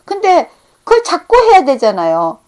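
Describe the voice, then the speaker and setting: A middle-aged woman preaching a sermon, earnest, rising to emphatic peaks and then dropping to hushed, quiet tones. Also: very high voice, huge pitch swings, normal speed.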